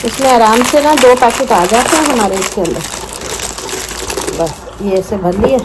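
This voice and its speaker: A woman's voice: a little high, moderate pace. A woman in her thirties from Pakistan with a Pakistani accent, chatting casually to viewers in a daily vlog. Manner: chatty, talks to viewers while driving and errands. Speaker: vlogger. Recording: camera audio with steady background noise.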